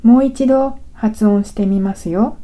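A woman teaching a language lesson in a careful, scripted narration, slowly explaining sounds step by step. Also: medium pitch, mellow. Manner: slow, careful, deliberate explanation.

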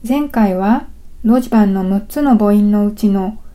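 A woman giving a scripted language lesson, patient and careful, pausing for drills. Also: mid-range voice, dark tone. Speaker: language teacher.

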